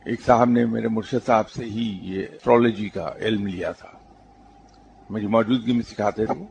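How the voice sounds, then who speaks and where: Responding to a question, this male spiritual teacher speaks on religious matters through calm, evenly paced stories sprinkled with English words. He has a lowish voice with vocal fry, and there is slight background noise.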